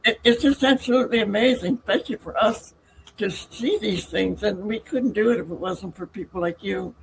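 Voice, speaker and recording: A woman's voice: medium pitch, fairly quick, gravelly, rough recording. Woman host, gushy chatty way of talking, faint hum in the background. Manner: warm, effusive, laughs along with guests. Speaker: talk show host. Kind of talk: casual interview chat.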